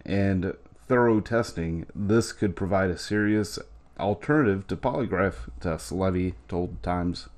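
A man's voice: deep voice, a little slow, a little mellow. A man co-hosting a casual chat, reading from a news story with dry asides. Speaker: co-host.

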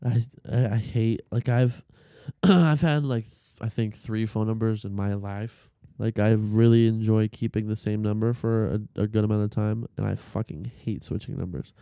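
A man's voice: on the low side, steady tone, normal speed, vocal fry, few pauses, mellow, clean tone, dry recording, studio quality. A man on a casual podcast, telling a long story with profanity, fillers and restarts. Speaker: podcast co-host.

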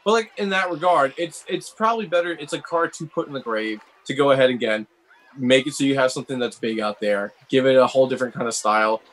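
A man's voice: medium pitch, fast talker, fairly bright tone, rough recording. A man co-hosting a casual chat about game cards, rambling and filling his talk with "like". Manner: rambling, heavy use of "like". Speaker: co-host reviewing cards.

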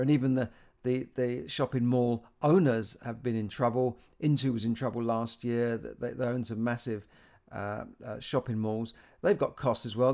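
A man's voice: medium pitch, darkish tone. A British man talking casually about current economic news, stumbling through frequent restarts and repeated words. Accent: British English. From Britain.

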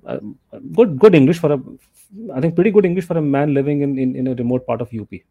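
A middle-aged journalist and author with a North Indian accent tells stories as a guest in a casual interview, repeating himself and often saying "you know." His voice is medium-pitched with a breathy edge and a quick pace, and the recording is dry and muffled.

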